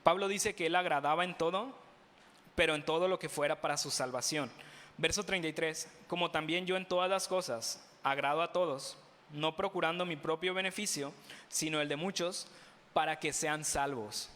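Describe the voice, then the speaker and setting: A man's voice: on the high side, moderate pace. A man with a Mexican Spanish accent preaching a sermon in a church, asking the congregation rhetorical questions with playful humor. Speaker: pastor. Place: church sanctuary. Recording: bright voice with long hall reverb.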